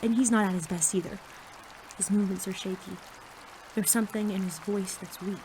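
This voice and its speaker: Here a woman plays a brash yet sincere teen superhero rookie, acting and narrating her own story in an audio drama. She speaks briskly at a medium pitch with a lightly acted delivery, and there's slight background noise. Excitable and sarcastic by turns, she stays earnest when narrating.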